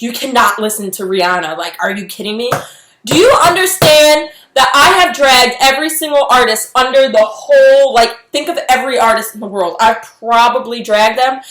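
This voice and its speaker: A young woman ranting in a casual vlog, exasperated and animated, filling her talk with "like". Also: fairly high pitch, roomy sound. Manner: animated, exasperated, heavy use of "like". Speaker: vlogger.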